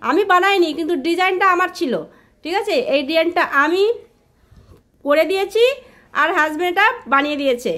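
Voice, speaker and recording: Chatty high-voiced woman vlogging. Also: a little fast, pauses often, pushed and bright, roomy sound. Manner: chatty, often asks "all right?" to viewers. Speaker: home cooking vlogger. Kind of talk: casual home vlog chat. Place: home kitchen.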